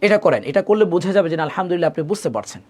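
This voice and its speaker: A man teaching Quran recitation in a live online class, spelling out each letter and vowel mark slowly before blending them, and thanking students by name. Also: high-pitched, expressive, a little mellow.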